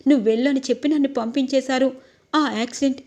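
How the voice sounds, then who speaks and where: A woman voicing a humble, gentle young wife who speaks politely. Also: sits high, fairly even intonation, quick pace, natural voice.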